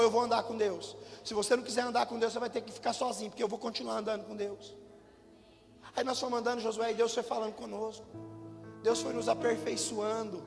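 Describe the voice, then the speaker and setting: High, gravelly-voiced pastor preaching. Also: male voice. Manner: lively storytelling with humor, addresses congregation directly. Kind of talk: sermon. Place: church hall. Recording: church hall reverb with faint music.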